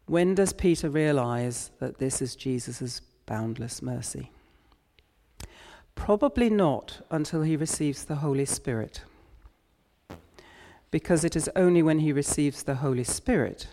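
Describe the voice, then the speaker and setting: Slow, measured male preacher in reverb. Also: mid-range voice, animated, mellow. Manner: unhurried, reflective retelling of scripture. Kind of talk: sermon. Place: church. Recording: long church reverb.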